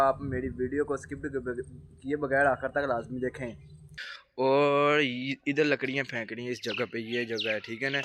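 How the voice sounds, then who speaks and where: Pakistani vlogger, chatty and direct, outdoor farm work, faint noise behind. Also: male voice, medium pitch, fairly bright tone. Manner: chatty, addresses viewers directly, calls out to helpers. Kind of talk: casual vlog commentary while working outdoors.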